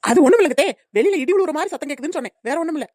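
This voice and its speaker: A sarcastic, grumbling young daughter-in-law, voiced by a woman, in a cartoon comedy. Her voice is high and she speaks very fast, recorded dry and close. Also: expressive, darkish tone, no room sound.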